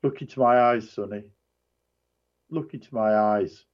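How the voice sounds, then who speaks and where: Man voicing a drugged despairing man, slurred, tired monotone, soft, slow, muffled recording. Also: lowish voice, natural voice. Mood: quiet insistent.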